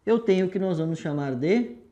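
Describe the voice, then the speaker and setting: A woman's voice: fairly low pitch, lively intonation, brisk, mellow, highs cut off. Patient woman teacher. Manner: patient, explains step by step with rhetorical questions; affectionate toward students. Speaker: language teacher. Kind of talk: recorded video lesson at a whiteboard.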